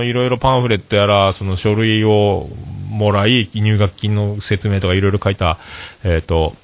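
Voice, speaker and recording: A man with a hosting a podcast, telling a story in a loose, rambling way full of fillers. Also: low voice. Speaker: podcast host. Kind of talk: casual solo radio talk.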